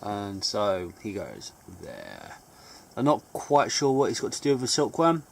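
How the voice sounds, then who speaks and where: A woman's voice: rumbling low, a little slow, vocal fry, slight background noise. A woman with a British accent, teasing her co-host in a casual chat at home. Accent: British English. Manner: teasing, blunt, lively.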